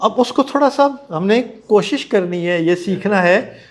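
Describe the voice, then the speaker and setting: A man with a Pakistani accent coaching a class in a noticeably high voice. He gives encouraging feedback and slips English phrases into his Hindi-Urdu. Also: lively intonation, measured pace. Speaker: trainer.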